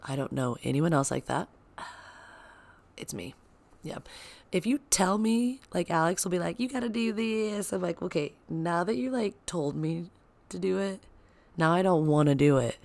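A young woman hosting her own podcast at home, chatting in an excitable, rambling way with lots of asides. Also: on the low side, moderate pace, vocal fry. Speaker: podcast host. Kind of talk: casual solo podcast chat. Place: home, child playing upstairs. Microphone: sensitive podcast microphone.

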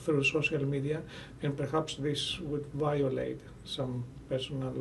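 A man from Greece with a Greek accent, answering as an academic in an interview, deliberate and often searching for words. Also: medium pitch, level tone, gravelly, fairly bright tone. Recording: distant mic with faint background noise.

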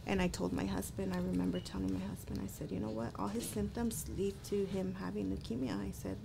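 Gravelly-voiced woman, halting. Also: mid-range voice, fairly even intonation. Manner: halting, repeats words. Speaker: parent. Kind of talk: personal account in interview. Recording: noisy background.

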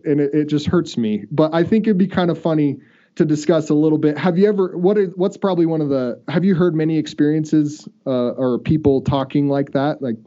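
Man, podcast host, casual chat, rambling, mellow dark voice, dull lo-fi sound. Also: fairly high pitch. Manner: chatty, rambling with restarts. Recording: dull lo-fi audio.

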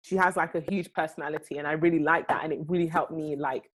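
This young woman has a low-pitched voice and talks fast. She's animated in casual chat, going on at length in long runs packed with fillers.

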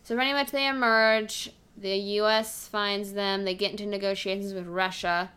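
A woman's voice: medium pitch, steady tone, moderate pace, bright, forceful tone, clean tone. A young woman co-hosting a casual podcast, telling travel stories in a rambling way with lots of filler words.

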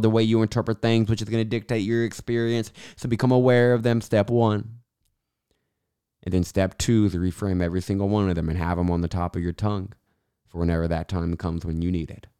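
A man's voice: deep voice, darkish tone, clear, resonant tone, no room sound. Guy doing a motivational podcast talk, dry close sound, lisp and says w for r, really leans on key phrases. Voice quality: lisp, can't say R's properly, w-like r. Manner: emphatic, repeats key phrases for weight. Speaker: podcast host, self-help coach.

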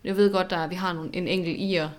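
A woman co-hosting a podcast in casual chat, animated and reflective, often repeating words as she thinks. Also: lowish voice. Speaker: podcast co-host.

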